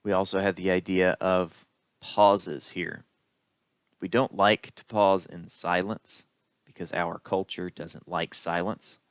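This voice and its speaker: Deep-voiced guy teaching a class recording, dry close sound, talks it through calmly. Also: no room sound. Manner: explanatory, unhurried, with occasional fillers. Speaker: instructor. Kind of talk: recorded lecture.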